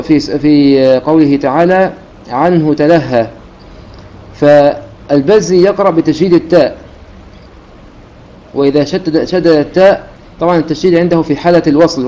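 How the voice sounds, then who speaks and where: A man in a dull, lo-fi recording with a faint hiss underneath teaches the rules of Quran recitation. His voice sits a little high and sounds mellow and dark. He talks quickly and methodically, stopping to recite verses as examples. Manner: methodical, explains step by step and quotes verses in chanted recitation. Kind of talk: religious lesson explaining recitation rules.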